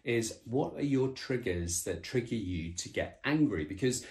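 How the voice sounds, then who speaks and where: A man's voice: mid-range voice, animated, measured pace, gravelly. A man co-hosting a podcast about relationships, explaining in a reflective, conversational way with frequent restarts. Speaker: podcast co-host.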